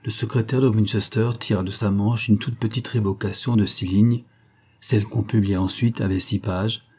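Husky, mellow-voiced male audiobook narrator. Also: fairly low pitch, fairly even intonation, moderate pace. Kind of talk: scripted narration of a history book.

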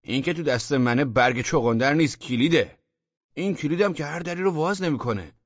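A man's voice: on the high side, expressive, dry recording, highs cut off, voice pushed up. A man voicing a rude, pushy intruder in a blunt, bossy manner, in a storybook reading. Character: rude pushy man who broke into the flat.

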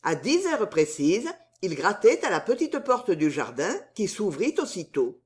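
Woman reading an audiobook, slow and lively, mid pitch. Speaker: audiobook narrator. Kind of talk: scripted narration.

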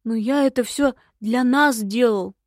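A woman's voice: a little high, dry recording, clean studio sound, lightly acted. A woman voicing a cowardly, sly young husband who drags out his words in a sulky, mocking way. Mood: sulky, snide. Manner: drawn-out, sulky and mocking delivery. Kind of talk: audiobook dialogue.

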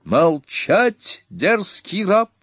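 Мужчина играет визгливого дерзкого юного гуннского князя, высокий резкий крик, сухая запись. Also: male voice, huge pitch swings, takes it slowly, breathy edge, dry recording, studio quality, heavily acted. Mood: arrogant shouting. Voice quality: shrill, high, grating. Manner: shouting, arrogant, threatening. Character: insolent young Hun prince, shrill and cruel.

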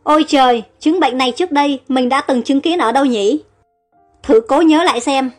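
A woman reading a story aloud in a steady, even storytelling manner. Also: high-pitched, moderate pace, faint music behind. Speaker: audiobook narrator. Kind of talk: scripted story narration.

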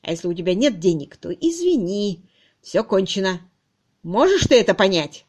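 A woman's voice: mid-range voice, big pitch swings, moderate pace, darkish tone. A woman reading a cruel, sneering young male farmhand in an audiobook, harsh and mocking.

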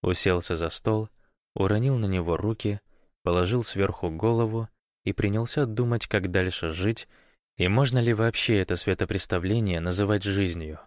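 A man with a low voice reads an audiobook in an even storytelling manner. The recording is dry and close, with no room around it. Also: normal speed, no echo. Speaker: narrator. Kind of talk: audiobook narration.

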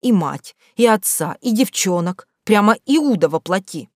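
A woman reading a first-person novel aloud with expressive, measured storytelling. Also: medium pitch, dry recording, clean studio sound. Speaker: audiobook narrator. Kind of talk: first-person audiobook narration.

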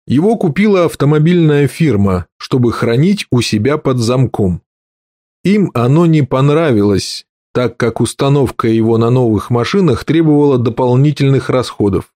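A man reading an audiobook and voicing an angry middle-aged inventor with a slightly husky note, explaining at length. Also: mid-range voice, lively intonation, moderate pace, warm tone, dry recording, clean studio sound, close to an everyday voice. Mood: bitter.

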